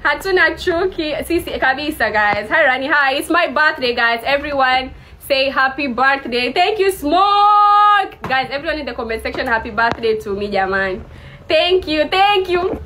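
Young woman, from Kenya, live streamer, teasing and playful, high-pitched, faint hiss behind. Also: expressive, moderate pace, sharp tone. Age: 20s. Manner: playful teasing, mixes English and Swahili. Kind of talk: casual live-stream chat with viewers.

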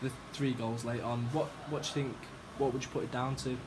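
A man asking brisk, flat questions in a post-match interview from off-mic. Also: medium pitch, noisy background.

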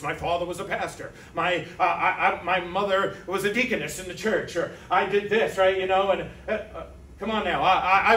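A man with a high, bright, ringing voice preaches to his congregation, tossing in asides and "right?" check-ins. He stands back from the mic, so his voice carries a roomy church echo. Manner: conversational preaching with rhetorical asides. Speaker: pastor. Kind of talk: sermon. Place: church sanctuary. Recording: echoey church sanctuary from a distance.

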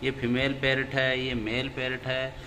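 Guy at home baby-talking his parrots, bright clear voice, sing-song and coaxing, bit of hiss, echoey. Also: completely flat delivery, a little slow. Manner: coaxing sing-song baby talk to the birds, rising pitch. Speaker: pet owner filming his parrots. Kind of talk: casual home vlog, talking to pet parrots. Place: inside a home.

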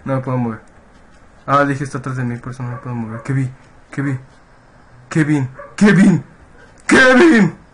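A man's voice: mid-range voice, little pitch movement, fast, pauses often, a bit bright. A man with a Mexican accent commentating a horror game at his computer, jittery and swearing, yelping when startled. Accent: Mexican Spanish. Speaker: gaming video creator. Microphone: webcam and computer mic.

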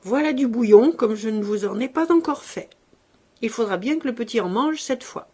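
A woman's voice: animated, moderate pace, warm tone, slightly rough. A woman voicing a strong old female servant who yelps and scolds in a rage. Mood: assured. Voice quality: shrill, yelping. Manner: screaming and scolding.

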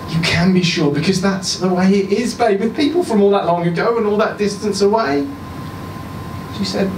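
The story reader, a man in his thirties, performs a short story for a crowd in a cozy indoor bar, speaking into a stand mic. The woman's lines come out higher, and by the end he has grown quiet and low. Filmed from afar, the audio is roomy and carries a steady background hum.

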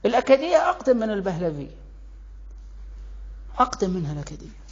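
A speaker with a Kuwaiti accent gives a lively explanatory monologue on where words come from, asking rhetorical questions and answering them. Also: mid-range voice, breathy edge, muffled recording. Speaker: language commentator. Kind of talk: explanatory monologue on word origins.

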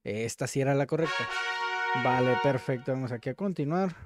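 A man hosting casual language practice, repeating words slowly to sound them out. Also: medium pitch, over loud music. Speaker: host.

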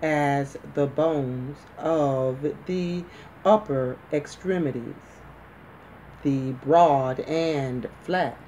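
A woman giving measured medical dictation for shorthand practice, deliberately, in short phrases with pauses between them. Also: low-pitched, dark tone, a little hiss or hum. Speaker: dictation instructor.

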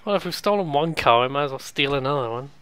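Bright, clean-voiced man doing game commentary. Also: medium pitch, expressive, quick pace, clean tone. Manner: musing aloud, jokey. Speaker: gaming video host. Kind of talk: casual let's play commentary.

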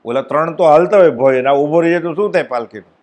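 A man giving a devotional discourse at a spiritual gathering, telling stories and acting out the dialogue with sudden rises and drops in his voice. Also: fast. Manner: animated storytelling, acts out dialogue with swings in pitch and loudness. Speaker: spiritual speaker at a satsang.

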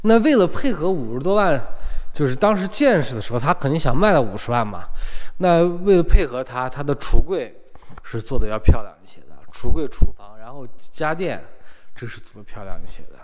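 A man's voice: mid-range voice, big pitch swings, fairly quick. A man giving a casual walk-through house tour as an agent, his articulation slightly muffled by a dental retainer. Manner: slightly muffled, imprecise speech from wearing dental braces or a retainer. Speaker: real estate agent and video host. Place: inside an empty house, walking from room to room.

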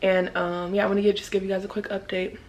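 A woman's voice: mid-range voice, little pitch movement, fast talker, slight background noise. A young woman, a night-shift nurse, chatting casually to her phone camera at home, rambling with lots of fillers.

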